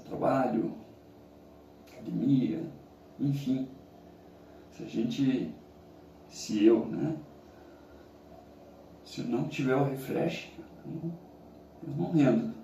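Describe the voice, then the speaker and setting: A Brazilian man speaks from ice cold water with a very dark, relaxed voice full of gravelly creak. He muses casually in halting phrases. The recording is roomy and echoing, picked up away from the mic. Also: medium pitch, highs cut off. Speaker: challenge vlogger. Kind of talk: casual reflective monologue. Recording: roomy, echoing, distant mic, faint noise.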